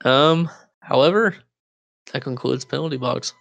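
A young man chatting as co-host on a podcast, speaking over a voice call. He jokes around and laughs often. His voice sits at a middling pitch, and the sound is close and dry with no room echo. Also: a little slow, creaky, fairly bright tone, muffled recording. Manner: laughs often, loose and joking. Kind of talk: casual chat. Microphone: Discord voice call.

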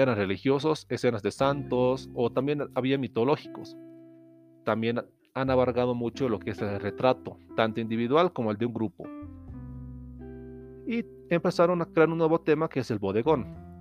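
A man from Latin America with a mid-range voice delivers an art-history lesson in a steady explanatory tone, now and then restarting a word. A faint guitar plays softly behind him. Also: mid-range voice. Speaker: host. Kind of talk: educational lecture.

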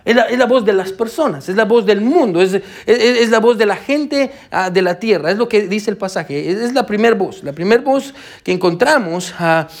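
High-voiced preacher man, halting and repetitive. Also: expressive. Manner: halting with many fillers and repeated words, frequent "amén"; addresses the congregation as brother and sisters. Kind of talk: sermon.

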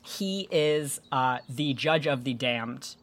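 A woman hosting a casual podcast, explaining myths and folklore in an animated, joking way with some swearing. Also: extremely low pitch, slow. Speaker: podcast host.

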